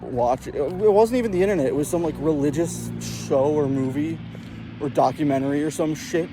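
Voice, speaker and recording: A man tells personal stories in a casual, profane, comedic way, acting out the dialogue as he goes. His voice is on the high side and a little fast, heard over music.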